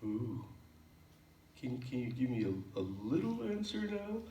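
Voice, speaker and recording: A man voicing a curious, eager young male frog puppet who talks playfully and gets excited. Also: mid-range voice, measured pace, roomy sound, distant mic, a little hiss or hum. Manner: playful, stumbling over words, excitable.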